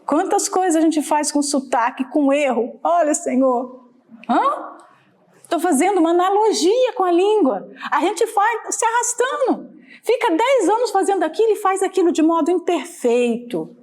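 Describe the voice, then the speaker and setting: A woman from Minas Gerais, speaking Brazilian Portuguese with a mineiro accent, preaches in a conversational sermon style, often asking listeners for agreement. Her voice is very high-pitched yet darkish in tone, animated and moderately paced.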